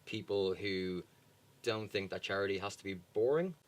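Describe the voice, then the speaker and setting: A man's voice: on the low side, normal speed. A young man with a Dublin accent, a charity guest talking casually in an interview with many ums and restarts. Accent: Irish, Dublin. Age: young adult.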